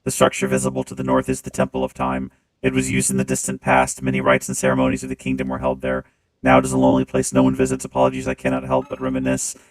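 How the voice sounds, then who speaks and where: Deep robot steward with a filtered voice. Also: male voice, monotone, rough recording. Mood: formal. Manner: formal, measured, reminiscing. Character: calm dutiful robot steward, male. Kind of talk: gameplay stream reading game dialogue.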